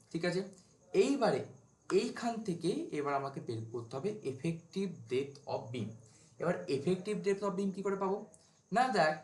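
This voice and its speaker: Guy teaching a lecture, slightly higher voice, keeps asking himself questions then answering, roomy echo. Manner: informal, asks and answers his own questions. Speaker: civil engineering teacher. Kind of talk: whiteboard lecture.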